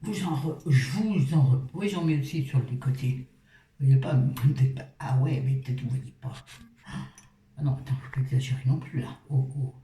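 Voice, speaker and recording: A middle-aged woman with a very deep, mellow voice at normal speed talks through her skincare routine at a washbasin indoors as a beauty vlogger. She's chatty and joking, poking fun at herself and swearing casually. She is far from the mic, and the sound is roomy and off-mic.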